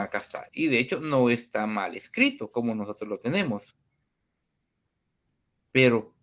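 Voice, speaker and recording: A man tutoring a coding class over a screen share, talking slowly with many pauses and fillers. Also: medium pitch. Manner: slow and hesitant, many fillers.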